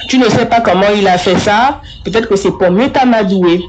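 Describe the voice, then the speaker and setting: A young woman giving a first-person spoken testimony, telling her story in a lively way and speaking straight to the listener. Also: mid-range voice, normal speed, a little hiss or hum, rough recording.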